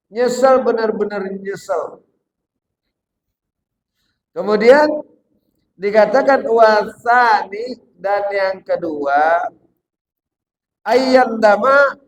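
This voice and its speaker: High-voiced preacher in a roomy hall. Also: male voice, slight background noise. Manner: jokey everyday examples, Betawi slang, quoting Arabic. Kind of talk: sermon. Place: gathering hall. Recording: roomy hall with faint ambience.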